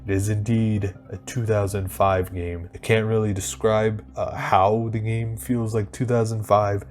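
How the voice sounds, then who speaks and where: A man with a fairly low voice talks through game reviews in a casual, slangy voice-over. His delivery is informal and a bit halting, with music playing underneath. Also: flat delivery, a little mellow.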